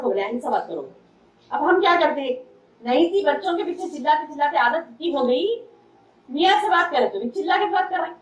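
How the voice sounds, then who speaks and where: A woman religious teacher giving a conversational sermon-style lecture, repeating key phrases for emphasis. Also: high-pitched. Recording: echoey room, distant mic.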